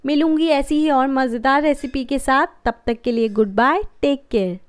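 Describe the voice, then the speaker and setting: A woman voices a cooking channel's recipe walkthrough, explaining each step calmly and warmly. Her high-pitched delivery is unhurried.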